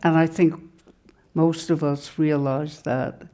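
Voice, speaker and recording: A woman in her nineties, a retired English teacher, speaking in a measured, gracious way on a live panel. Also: sits low, little pitch movement, warm tone. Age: 90s. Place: live event before an audience.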